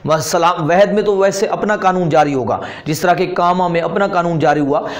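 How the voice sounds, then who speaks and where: A man with a Pakistani Urdu accent teaches a grammar lesson at a steady classroom pace. His voice sits a little high for a man. He repeats each term and asks his listeners questions, then answers them himself. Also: a little fast. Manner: patient, repeats terms and asks rhetorical questions.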